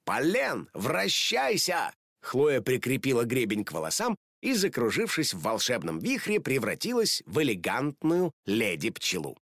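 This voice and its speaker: A man reading a children's storybook aloud in an animated, expressive way. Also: mid-range voice, moderate pace, no echo, studio quality. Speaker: narrator.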